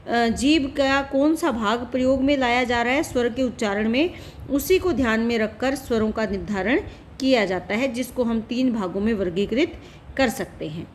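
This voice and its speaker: A woman's voice: fairly high pitch, moderate pace, a little hiss or hum. A woman explaining a Hindi grammar lesson as a teacher, patient and repetitive, often asking questions and answering them herself. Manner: patient, repeats and asks rhetorical questions. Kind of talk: classroom-style lesson explanation.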